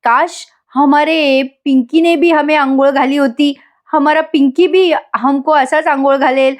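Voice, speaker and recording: A woman's voice: high-pitched, fairly even intonation, unhurried. A woman voicing a cheeky, playful young man in a soap. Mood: teasing. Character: cheeky young man, Hindi-mixing joker.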